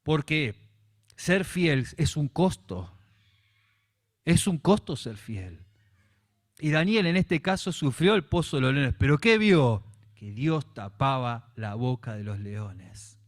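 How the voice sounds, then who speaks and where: Rioplatense male pastor, lively sermon delivery, acts out dialogue, medium pitch. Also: slow pace. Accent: Rioplatense Spanish. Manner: animated preaching, acting out biblical dialogue with voseo.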